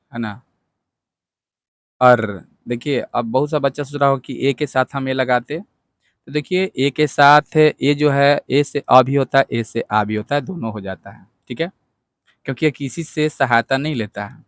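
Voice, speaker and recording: A man teaching a spelling lesson to students, patient and explanatory, slowly repeating words and speaking to the class directly. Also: mid-range voice, dry recording, clean studio sound. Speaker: English teacher.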